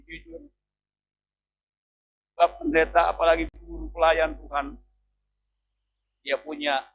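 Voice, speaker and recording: A middle-aged man, a pastor, preaching a sermon in a church with sudden loud and soft swings and questions for the congregation. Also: on the high side, low-quality recording.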